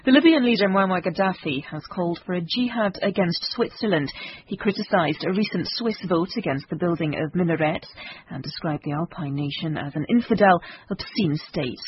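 A British woman reading a scripted radio news bulletin in a measured, formal manner. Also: on the low side, husky, muffled recording. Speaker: newsreader.

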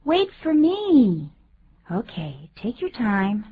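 A woman co-hosting a bilingual radio English lesson, saying phrases slowly and explaining pronunciation. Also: on the high side, huge pitch swings, slightly rough. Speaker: English teacher co-host. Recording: phone-like lo-fi sound.

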